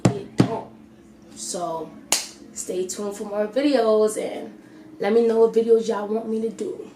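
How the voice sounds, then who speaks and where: A woman's voice: medium pitch, unhurried, dark tone, a little hiss or hum. A young woman vlogging casually, retelling movie plots and recommending films in a chatty, playful, slangy way. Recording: echoey room with faint music.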